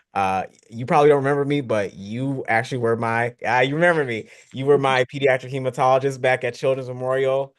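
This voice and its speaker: A young man with a mid-pitched voice moderates a video-call panel. He speaks casually and gratefully, with small stumbles and fillers. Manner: grateful, casual, a little halting. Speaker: panel moderator, former patient.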